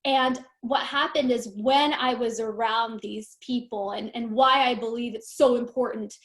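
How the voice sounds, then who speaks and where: A high-voiced woman in her thirties, from Romania, talks as a guest on a live stream. She tells her story candidly and casually, with plenty of fillers. Her voice comes over a video call. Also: steady tone, measured pace, fairly bright tone. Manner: candid, chatty with frequent fillers. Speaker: guest team leader.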